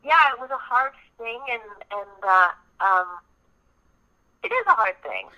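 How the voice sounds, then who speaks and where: A woman guest musician talking in a casual interview over a phone held up to a studio microphone, soft-spoken and a little hesitant. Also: a little high, very animated, unhurried, muffled recording.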